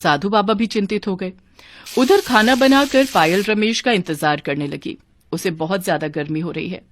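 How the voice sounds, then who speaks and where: A woman's voice: mid-range voice, normal speed, a little hiss or hum. Woman narrating a dramatic kids' ghost story. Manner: expressive, dramatic. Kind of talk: scripted narration.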